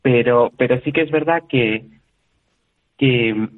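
Speaking slowly in a mid-range voice, a Spanish interview guest talks casually and freely, with many restarts and small bits of quoted dialogue. The audio comes through a tinny, phone-like line.

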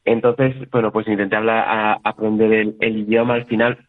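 A man from Spain talks in a relaxed, chatty way, often restarting his sentences and acting out little exchanges. His voice sits on the low side. The sound is thin and tinny, like a phone call. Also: fairly quick. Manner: chatty, with frequent restarts and quoted dialogue. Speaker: interview guest. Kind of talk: casual interview talk.

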